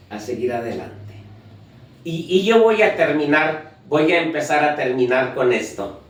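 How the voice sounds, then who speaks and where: A preacher delivering a sermon, asking the congregation questions and counting off points. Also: male voice, medium pitch, a bit bright, recorded from a distance. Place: church. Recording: echoey church heard from afar.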